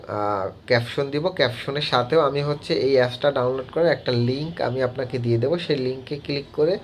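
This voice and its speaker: A man's voice: mid-range voice, a little hiss or hum. Man teaching, full of filler words. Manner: halting, heavy use of filler words. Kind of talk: screen-recorded app tutorial.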